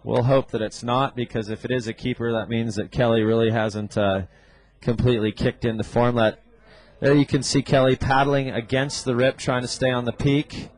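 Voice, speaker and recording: This is a man working as a surf contest announcer, calling the action live. His voice sits at an average pitch, and he talks conversationally, with relaxed surfer slang mixed into the scores and play-by-play. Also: moderate pace, poor audio.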